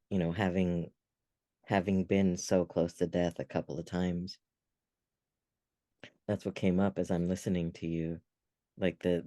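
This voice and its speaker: Deep-voiced man, earnest and reflective. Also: dark tone, no room sound. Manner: earnest, reflective storytelling with many restarts. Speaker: podcast co-host. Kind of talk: casual podcast chat.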